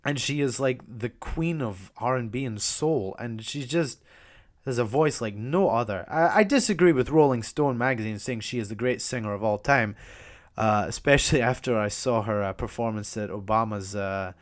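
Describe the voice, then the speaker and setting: A man's voice: medium pitch, normal speed. A young man hosting a casual podcast monologue, talking enthusiastically, swearing freely, with frequent ums and restarts. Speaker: podcast host.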